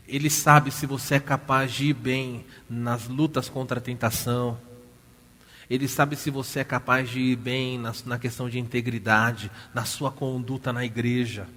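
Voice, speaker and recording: Man, Brazilian accent, sermon, mid-pitched voice, rhetorical questions, reverberant church hall. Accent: Brazilian Portuguese. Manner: animated storytelling, rhetorical questions to the congregation. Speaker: preacher.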